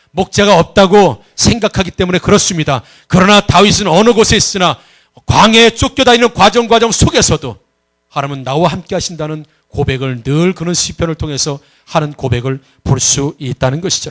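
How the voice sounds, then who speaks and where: A man with a notably high voice delivers a Sunday sermon as pastor. He is emphatic and keeps putting questions to the congregation. Now and then he tells a personal story and acts out the voices in it. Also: fairly bright tone.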